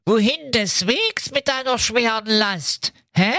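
A man doing a squeaky cheeky piglet girl. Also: animated, takes it slowly, bright, forceful tone, no echo, studio quality, heavily acted.

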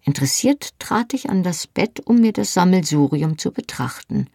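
Gravelly-voiced woman reading a novel. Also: fairly low pitch, expressive, normal speed, warm tone, dry recording, studio quality. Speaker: audiobook reader. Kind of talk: first-person novel narration.

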